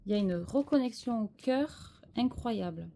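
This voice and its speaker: A woman's voice: fairly high pitch, lively intonation, unhurried, vocal fry, mellow, slight background noise. A French-speaking woman giving a spiritual tarot reading, hesitant and searching for words with many fillers. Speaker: tarot card reader.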